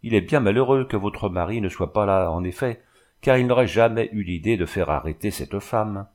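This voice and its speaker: A man reading the part of a kindly, wry village priest who gives calm advice. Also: fairly low pitch, moderate pace, natural voice. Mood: gently wry.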